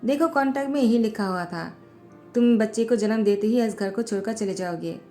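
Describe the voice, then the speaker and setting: A woman's voice: on the high side, fairly quick, mellow, faint music behind, natural voice. Woman voicing a bossy young company boss. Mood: flat. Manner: curt, bossy. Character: cold scheming young male company president.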